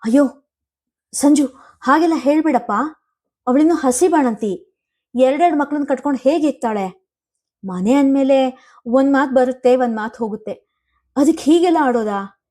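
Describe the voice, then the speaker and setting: A worried mother, gentle and tearful, trying to calm the quarrel with coaxing words, voiced by a woman reading the story. She speaks a touch high and soft at the edges. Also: moderate pace, pauses often. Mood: pleading.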